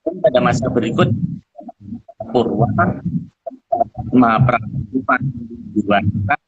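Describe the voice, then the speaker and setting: A man on an online call whose audio keeps breaking up, reading a passage aloud in a halting, stumbling way. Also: mid-range voice, lively intonation, breathy edge, highs cut off. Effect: choppy, breaking-up internet call audio.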